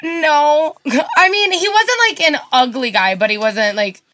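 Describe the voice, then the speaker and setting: A woman's voice: high-pitched, unhurried, pushed and bright, no echo. A young woman co-hosting a radio show, chatting casually and laughing often. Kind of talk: casual studio chat. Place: radio studio.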